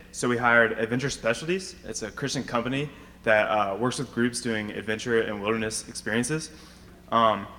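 A young man giving a prepared presentation in a matter-of-fact, halting way. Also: medium pitch, a bit bright. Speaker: student presenter. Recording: reverberant hall, faint noise.

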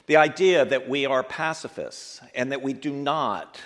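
A man in his sixties giving a speech to an audience, telling his life story in an earnest, reflective way and slowing down to stress key points. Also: mid-range voice, a bit bright. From grew up in Ethiopia and the United States. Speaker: guest speaker.

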